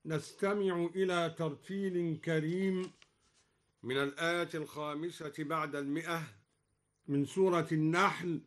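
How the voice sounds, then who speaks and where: A man explaining Quran recitation variants, alternating measured explanation with slow melodic chanted examples, from a live radio broadcast. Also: high-pitched, a bit bright. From Egypt.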